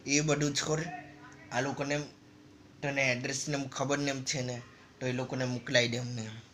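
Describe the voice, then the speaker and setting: A gaming channel narrator, a man, casually tells a story over a game in loose, rambling, repetitive phrases. His mid-range voice is flat and slightly bright, moving at normal speed. There's a little hiss or hum in the audio.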